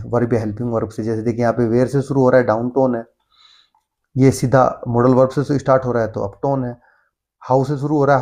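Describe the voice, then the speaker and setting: A man with an Indian accent teaching a school textbook lesson. His pitch sits in a middle range. He reads English lines slowly and carefully, then explains them quickly in Hindi. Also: darkish tone. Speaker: tutor.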